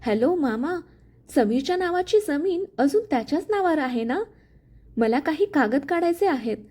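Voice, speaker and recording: A woman's voice: sits high, expressive, moderate pace, a little mellow. A woman voicing a spiteful, scheming young sister-in-law in a spoken family story, with a sneering, taunting manner.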